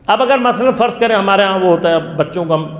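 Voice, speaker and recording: Male lecturer, high-pitched, interactive teaching style that poses questions and answers them; roomy hall sound. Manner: asks the audience questions and answers them himself. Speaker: religious lecturer. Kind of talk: interactive religious lesson. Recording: echoey hall.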